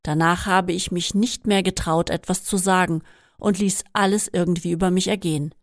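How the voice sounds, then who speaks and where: A woman reading a first-person memoir aloud in a steady, measured way. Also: fairly low pitch, dry recording, studio quality. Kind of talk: scripted first-person narration.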